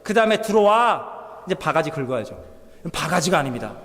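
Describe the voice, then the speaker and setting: A man preaching a lively sermon as pastor in a church, acting out quotes and swinging between loud and soft delivery. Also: extremely high pitch, normal speed. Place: church hall. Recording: long church hall reverb.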